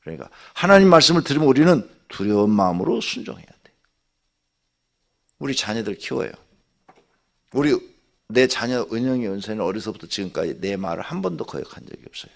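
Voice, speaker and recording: An older man, a pastor, preaching a conversational early-morning sermon, jumping between loud exclamations and near-whispers. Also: fairly low pitch, sing-song, fairly quick, creaky, long pauses. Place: church sanctuary.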